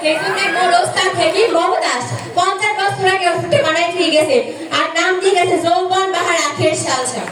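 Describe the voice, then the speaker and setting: A young woman with a Barisal Bangladeshi accent playing a brash, boastful roadside tonic hawker, in a declamatory, sing-song carnival barker's sales pitch on stage. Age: young adult. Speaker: student performer in a stage act. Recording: echoey hall, distant mic, crowd.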